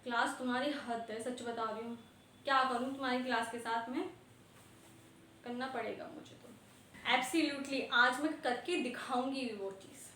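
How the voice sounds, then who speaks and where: A woman's voice: high voice, normal speed, pushed and bright. A woman schoolteacher scolding her class in a stern tone, mixing in English words. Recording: echoey classroom, faint background noise.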